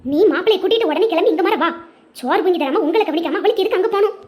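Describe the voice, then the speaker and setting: Cartoon nag: a woman playing an older mother-in-law with a Tirunelveli Tamil accent, very high and quick, bossy. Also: expressive, a little mellow. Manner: scolding, bossy. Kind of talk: cartoon voice acting.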